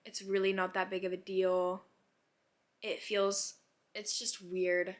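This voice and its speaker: Speaking slowly with little pitch movement, this roughly eighteen-year-old vlogger has a medium-pitched voice. Her talk to viewers is casual and wandering, full of self-questioning musings and heavy on "like."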